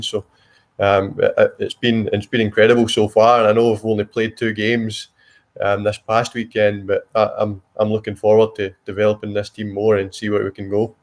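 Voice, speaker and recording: Low, even-toned man with a broad Scottish accent. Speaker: soccer coach. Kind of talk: interview answers, casual.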